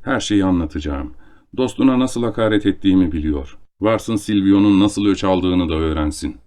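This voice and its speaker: A man voicing a middle-aged nobleman count, a former duelist, in a measured, somber tone. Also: sits low, dark tone, close to an everyday voice.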